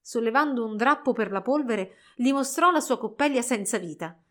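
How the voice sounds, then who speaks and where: A woman reads a storybook aloud in an expressive, measured way. Her voice sits fairly high. She paces the tale with care. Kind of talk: storybook narration.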